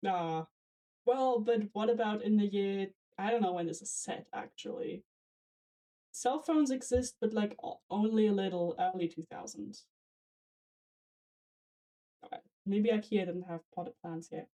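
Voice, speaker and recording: Mellow-voiced woman, wry let's-play commentary, mic a bit far off. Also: mid-range voice, a little slow, long pauses. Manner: chatty, wry asides with restarts. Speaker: co-host streamer. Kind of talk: let's-play commentary, reading game text aloud. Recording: slightly distant mic with faint game music.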